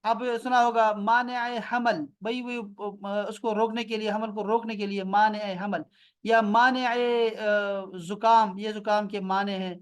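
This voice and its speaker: A man's voice: high voice, flat delivery, clean tone. Patient man teaching over a video call. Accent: Pakistani Urdu. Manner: patient, repeats terms slowly, quizzes students by name. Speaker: Arabic teacher. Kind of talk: online class lesson. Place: home near an airport.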